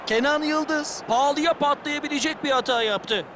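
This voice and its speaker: A man works as a football co-commentator, speaking in a very high-pitched voice. He offers analysis of the match with clear stadium noise behind him. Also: moderate pace.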